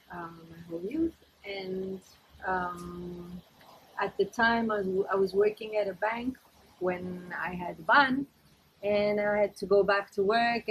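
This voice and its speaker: A woman's voice: fairly low pitch, a little hiss or hum, poor audio. A middle-aged woman from Ethiopia answering interview questions in a casual, hesitant way with many fillers.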